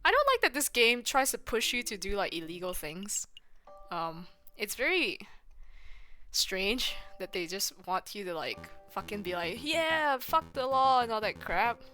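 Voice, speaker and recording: A woman streamer giving casual commentary on a game she is playing, sarcastic and blunt, with loud laughs and swearing. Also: medium pitch, big pitch swings, measured pace, soft background music.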